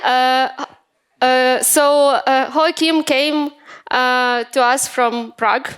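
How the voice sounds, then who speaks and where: A woman's voice: high-pitched, steady tone, slow, a bit bright, smooth. Chatty woman hosting a startup event. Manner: chatty, hesitant, many fillers. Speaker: event host. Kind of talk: moderating a startup demo day. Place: event stage in Kyiv.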